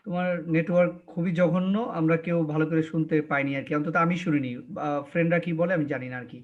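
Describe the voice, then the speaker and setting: A young male English teacher with a Bangladeshi accent, lecturing an online class and drawing words out slowly to drill their pronunciation. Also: fairly high pitch, fairly even intonation. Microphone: video call. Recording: dull lo-fi online class audio.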